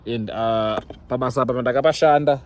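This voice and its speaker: Fast-talking young Zimbabwean man, emphatic. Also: medium pitch, steady tone. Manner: emphatic, repeats himself for stress. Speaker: vlogger. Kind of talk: casual chat to followers, mixing Shona and English. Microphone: phone. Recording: noisy background ambience, phone recording.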